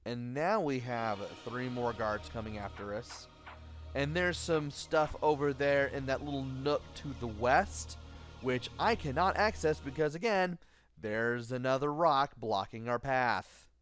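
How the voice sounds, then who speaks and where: Tired male let's play host, low-key commentary with faint game music under it. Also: unhurried, a bit bright. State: tired, late at night. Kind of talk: gameplay commentary.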